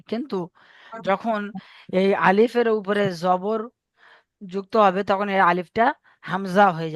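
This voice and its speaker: A man's voice: high voice, no echo. Patient male teacher drilling pronunciation. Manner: patient, repeats each point and quizzes students. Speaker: Quran reading teacher. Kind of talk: online Arabic reading lesson.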